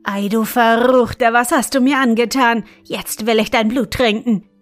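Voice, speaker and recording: Brief: vengeful old storybook witch, read by a woman, cunning, slow delivery, faint music behind. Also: a little high. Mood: furious. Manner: cunning, then shrieking threats.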